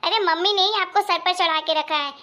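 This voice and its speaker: A woman's voice: very high-pitched, brisk, pushed and bright. A woman voicing a quarrelsome young married daughter who complains and scolds, in a Hindi moral story cartoon. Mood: scolding.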